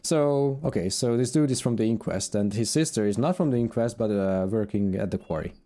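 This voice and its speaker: A tired man streaming a fantasy game, thinking aloud in relaxed, casual commentary. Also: fairly low pitch, brisk. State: tired, yawning.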